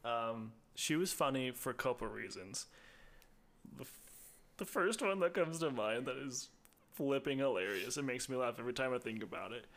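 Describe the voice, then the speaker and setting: A man's voice: medium pitch, normal speed. Laid-back man telling work stories. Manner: relaxed, laughs often, mimics people. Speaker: podcast guest. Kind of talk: casual storytelling chat.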